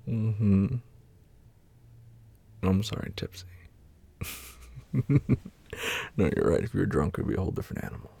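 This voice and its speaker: A man speaks in a low, intimate murmur that often drops to a whisper. His voice is very husky and breathy, with gravelly fry and a warm, mellow tone. He sounds soft and soothing, close to the microphone. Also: big pitch swings, moderate pace, long pauses. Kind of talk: whispered boyfriend roleplay ASMR.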